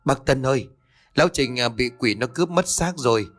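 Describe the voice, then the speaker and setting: A man's voice: mid-range voice, animated, a little fast, lightly acted. A man voicing a nervous young village man who asks anxious questions in a narrated horror story.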